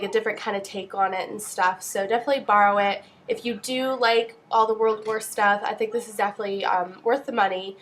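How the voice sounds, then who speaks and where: A young woman who vlogs about books chats casually while giving reviews. Her mid-range voice is a bit bright, but it is nasal and congested because she is stuffed up with a cold.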